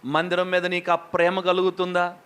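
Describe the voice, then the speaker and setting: A man preaching a lively sermon as a pastor, questioning the congregation and acting out quotes. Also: high-pitched, normal speed, clear, resonant tone.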